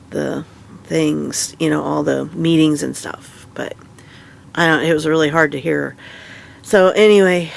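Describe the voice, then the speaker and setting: A tired woman with a stuffy nose, half awake and chatting casually in a rambling, halting way. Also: low-pitched, vocal fry, slight background noise. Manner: rambling, halting, many fillers and restarts. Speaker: vlogger. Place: in bed at home.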